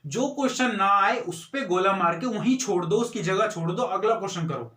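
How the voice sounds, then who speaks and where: A man's voice: sits high, expressive, fairly quick, pushed and bright, echoey room, distant mic. A young man giving earnest, repetitive study advice to students in a motivational talk. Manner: earnest, repeats points for emphasis.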